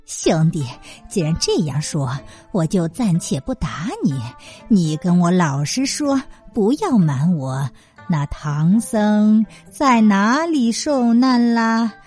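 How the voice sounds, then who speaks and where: A woman's voice: mid-range voice, lively intonation, takes it slowly, a little mellow, soft background music, pitched below the performer's own voice. A woman voicing a proud, hot-tempered male monkey king who snorts and scolds, in a children's story. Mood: scolding haughty.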